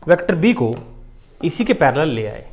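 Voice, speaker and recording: A man's voice: on the high side, very animated, moderate pace. A man teaching a physics lesson, explaining step by step while drawing and calling his students dear children. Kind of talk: whiteboard lesson.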